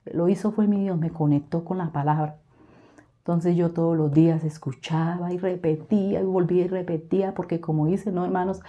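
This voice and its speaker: A woman's voice: fairly low pitch, fairly even intonation, normal speed, lo-fi sound. A woman giving a fervent religious testimony to a congregation, repeating herself often and calling her listeners brothers.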